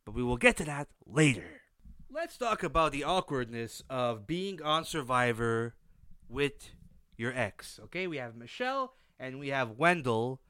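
A man's voice: medium pitch, big pitch swings, a little slow, pushed and bright, clear, resonant tone, no room sound, clean studio sound. A man with a nasal, stuffed-up voice from a blocked nose, giving a casual recap as a solo host with emphatic delivery. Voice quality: nasal, congested. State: blocked nose from sinus issues.

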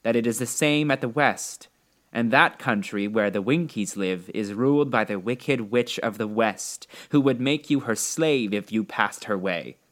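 A man's voice: fairly low pitch, measured pace, natural voice. Man reading as a grave little Munchkin man. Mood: grave warning. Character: grave little Munchkin men warning of danger. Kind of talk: storybook character reading.

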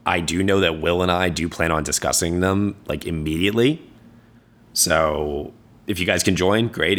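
A man's voice: sits low, fairly bright tone. A man with a hungover voice hosting a podcast, casual and hesitant as he wraps up the show. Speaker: podcast host.

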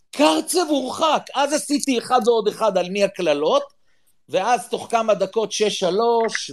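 A middle-aged man from Israel telling a story with drama, often urging his listeners to listen well. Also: extremely high pitch. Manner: excitable, dramatic, swears, repeats "listen well". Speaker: podcast panelist. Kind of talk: animated storytelling.

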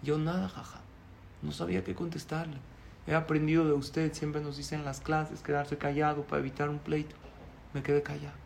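A man's voice: a little high, flat delivery, fairly quick, vocal fry, darkish tone, a little hiss or hum. A man voicing a flustered young newly married man anxiously pleading for advice.

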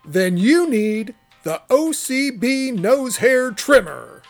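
A woman reading a mock commercial voice-over in a bright, salesy announcer manner. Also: fairly high pitch, big pitch swings, takes it slowly, faint music behind.

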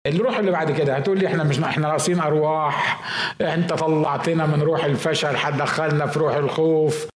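Man, Egyptian accent, pastor, animated sermon, quick delivery, roomy echo. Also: on the high side. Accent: Egyptian Arabic. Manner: animated, acts out voices of fearful people. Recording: echoey hall.

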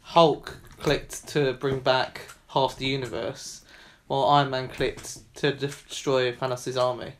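A man talks casually about a film with little rise or fall in his voice. He explains his points in a measured way, over faint background noise. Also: mid-range voice, flat delivery.

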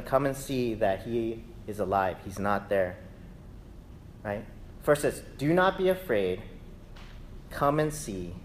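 A man preaching an Easter sermon in a lively, conversational way, acting out voices in his stories. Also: mid-range voice, a little hiss or hum. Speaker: pastor.

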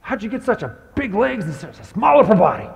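A man voicing a loud, teasing male high-school football coach who calls players out. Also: sing-song, fast talker, gravelly, long reverb tail, full character voice. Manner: booming, teasing, high and shouted.

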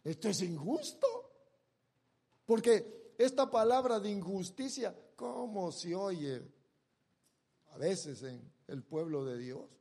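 During a sermon, a man with a high-sitting voice and vocal fry retells a biblical story and speaks the characters' parts. His delivery jumps dramatically from loud bursts to soft, drawn-out words.

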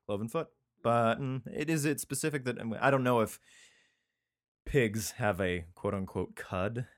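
A man's voice: medium pitch, normal speed, no room sound, studio quality. A man reading scripture aloud in an irreverent, profane way, breaking off into rambling casual asides. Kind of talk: casual comedic reading and chat. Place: indoor room with a cat.

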